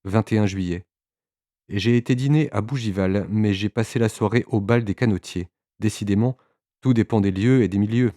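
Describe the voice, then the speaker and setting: A man narrating a literary audiobook in a measured way, with occasional small hesitations. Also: lowish voice, warm tone, no room sound, studio quality.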